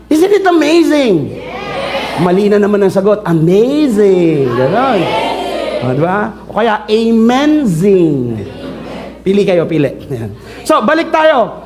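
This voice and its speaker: A Filipino pastor preaching a lively sermon in a strikingly high voice. He teases and quizzes his congregation in a playful way, slipping English phrases into his talk. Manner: playful, teasing the congregation, mixing Tagalog and English.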